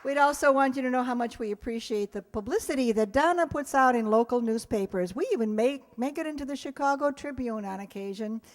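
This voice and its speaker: Her voice fairly high and her delivery a little fast with hardly any pauses, an American theater group director chats through a thank-you speech to her audience and cast. It's a live stage performance in a hall, recorded with echo and audience sounds.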